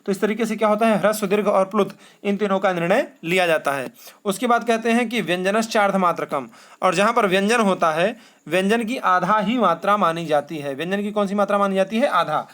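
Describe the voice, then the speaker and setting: A man. He chants verses slowly and poses questions that he then answers himself. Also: sits high, a bit bright. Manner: asks rhetorical questions and answers them himself. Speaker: Sanskrit teacher. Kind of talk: classroom lesson.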